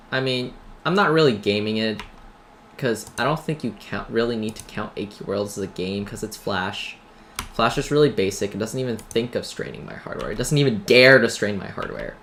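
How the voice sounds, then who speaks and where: A man with a medium-pitched, fairly bright voice runs a gaming video, chatting in a loose, meandering way and making ironic, self-deprecating comments. Background noise, typing and keyboard clatter fill out the noisy home recording.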